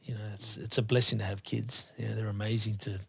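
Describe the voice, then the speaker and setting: A man's voice: on the low side, quick pace, creaky, breathy edge, no echo. A man speaking as a podcast guest in earnest, casual chat, often adding "you know". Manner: earnest, repeats "you know", animated when quoting dialogue.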